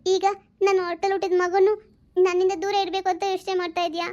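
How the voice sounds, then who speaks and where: A woman's voice: little pitch movement, quick pace, a little mellow, dull audio. A woman playing a worried young mother who pleads and frets in a homemade family drama. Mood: despairing. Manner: tearful, pleading, high and thin. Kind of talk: amateur audio family drama.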